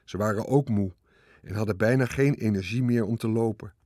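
A man's voice: brisk, no room sound, clean studio sound. A man reading a children's story aloud, expressively following the action with his voice. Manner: expressive, swings pitch with the action. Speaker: narrator. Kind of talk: storybook narration.

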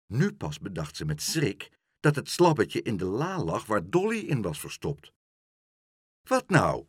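A man reading a children's story aloud, expressive and doing all the voices. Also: on the low side, moderate pace, breathy edge, no room sound, studio quality.

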